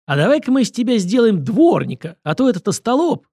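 A man's voice: high-pitched, sing-song, fairly quick, warm tone, no room sound, clean studio sound, pitched above the performer's own voice, full character voice. A man voicing a pompous, touchy film director who blusters and talks about himself in the third person. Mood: blustering. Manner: blustering, refers to himself in the third person, squeals when angry. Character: pompous, touchy male film director, self-important and shrill.

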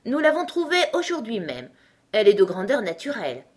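A woman voicing an eager male messenger who speaks briskly and solemnly in a storybook reading. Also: fairly high pitch, wildly swooping pitch, voice pushed up.

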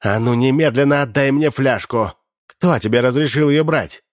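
A man's voice: medium pitch, normal speed, pitched above the performer's own voice, close to an everyday voice. A man reading an audiobook and voicing a formidable middle-aged woman who barks orders. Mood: commanding. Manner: barking, bossy.

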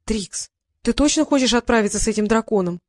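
A woman's voice: a little high, a little fast, darkish tone, dry recording, close to an everyday voice. A woman voicing a bossy, worried female magical familiar who scolds her young master. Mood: scolding. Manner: scolding, insistent.

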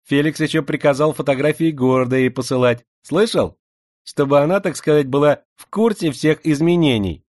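A man's voice: on the high side, normal speed, a little mellow, dry recording, studio quality, voice pushed up, close to an everyday voice. A man voicing a lisping older schoolboy who talks in sugary diminutives and needles the others. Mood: needling. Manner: needling, mocking.

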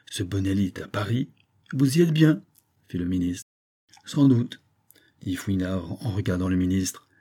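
A man narrating a classic novel aloud, shifting his pitch and loudness to voice each character. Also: breathy edge. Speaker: audiobook reader. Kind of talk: scripted narration with voiced dialogue.

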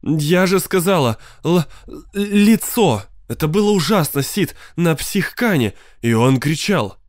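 A woman's voice: low-pitched, expressive, unhurried, darkish tone, no echo, studio quality, voice pushed up. A man voicing a pampered, hysterical wife who wails and sobs in an audiobook. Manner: wailing, sobbing, shrieking. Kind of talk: audiobook character voice.

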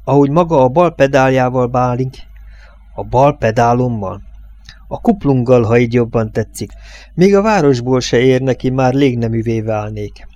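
A man voicing a gruff, commanding old oil company boss in an audiobook. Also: medium pitch, darkish tone, no room sound, highs cut off, natural voice. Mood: dismissive. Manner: curt, commanding.

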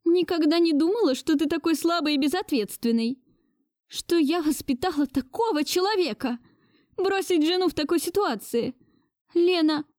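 A woman's voice: lively intonation, moderate pace, a little mellow, no echo, studio quality. A woman voicing a domineering, wealthy old grandmother who scolds in an imperious tone. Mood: scolding. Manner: shrill, imperious reproach. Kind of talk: audiobook dialogue reading.

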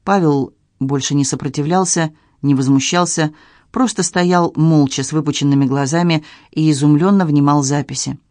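A male audiobook narrator with a somewhat high voice and a calm, measured delivery. The recording is dry and close, with no room sound. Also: no echo. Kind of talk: scripted narration.

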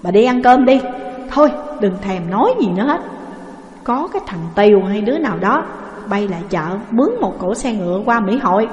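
A woman's voice: mid-range voice, expressive, fairly quick, highs cut off, lightly acted. A hot-tempered old landowner father scolds at full volume, as a woman reader plays him. His voice bounces around an echoey room with a long reverb. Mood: scolding. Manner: loud, scolding.

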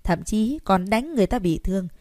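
A woman narrating an audiobook story in a steady, even reading. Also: medium pitch, brisk, no room sound, studio quality.

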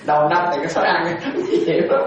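A woman's voice: sits low, fairly even intonation, fairly quick. A woman gives a dharma talk as a Buddhist monastic teacher. She keeps turning to her listeners with questions and repeats her key words. She sounds far from the mic, with heavy echo and a dull tone. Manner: questions the audience often, repeats phrases, laughs lightly. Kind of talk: dharma talk to lay followers. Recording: very echoey and distant, dull sound.

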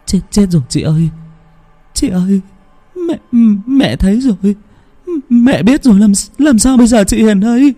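A man voicing a panicked young woman who is close to tears, pleading in a shrill, high voice. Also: lively intonation, moderate pace, dark tone.

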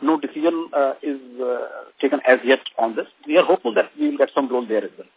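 A man with an Indian English accent, a company executive answering analysts on a conference call, speaking haltingly with many pauses. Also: mid-range voice, creaky, slightly rough, no room sound. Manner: halting, many fillers and restarts. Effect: conference call phone line. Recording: dry, tinny phone-line audio.

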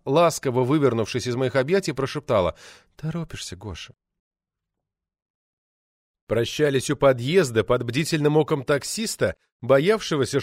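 A man narrating an audiobook in an ironic, lively storytelling manner. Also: mid-range voice, no room sound, clean studio sound.

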